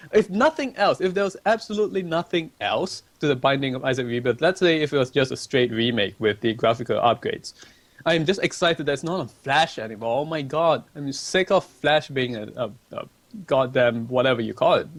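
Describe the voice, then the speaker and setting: A young Malaysian man hosts a casual livestream at a desk microphone, reading viewer questions aloud and rambling chattily as he answers them. His voice is mid-range and a little fast. The recording is dry.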